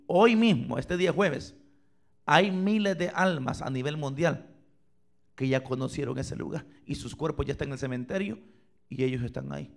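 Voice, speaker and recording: A male pastor preaches in a high, gravelly voice. He moves from loud cries to hushed near-whispers, asking the congregation questions as he speaks to them and to online viewers. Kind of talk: sermon. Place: church sanctuary, filmed for online viewers.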